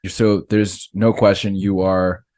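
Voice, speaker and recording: Deep-voiced male podcast host. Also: flat delivery, slow pace, a little mellow. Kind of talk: casual podcast interview.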